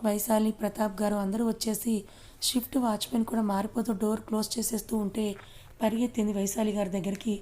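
Gentle woman narrating an audio story. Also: medium pitch, flat delivery, brisk.

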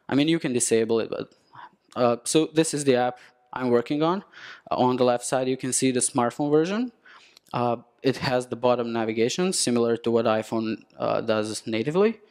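A man's voice: mid-range voice, a little mellow. Serbian-accented man giving a tech talk. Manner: halting, with frequent restarts and fillers. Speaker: conference speaker. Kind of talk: technical conference talk. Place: conference hall, at a lectern.

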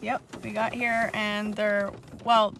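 A woman's voice: medium pitch, flat delivery, slow, fairly bright tone. A young woman chatting casually and laughing often as a vlogger at a rainy campsite. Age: young adult. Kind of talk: casual vlog chat. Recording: noisy outdoor campsite recording. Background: rain and outdoor ambience.

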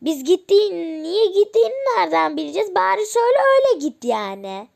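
A woman voicing a daughter who pleads with her mother not to leave, talking fast and exasperated in a family role-play. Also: very high-pitched, big pitch swings, gravelly, a little mellow, exaggerated voice. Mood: pleading.

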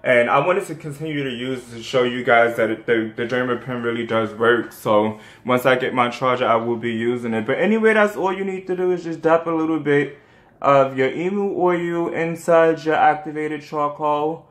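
Close to the camera in a small, bare-walled room that makes his voice echo noticeably, a young New Yorker talks through his skincare routine at home for a casual how-to vlog. He speaks at a normal speed in a steady, mid-range voice, rambling and chatty, with many fillers like "um" and "like" and frequent restarts.

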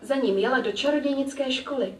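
A woman's voice: sits high, a little mellow, voice pushed up, natural voice. Storybook little girl, read by a woman, eager and pleading, roomy far-off sound.

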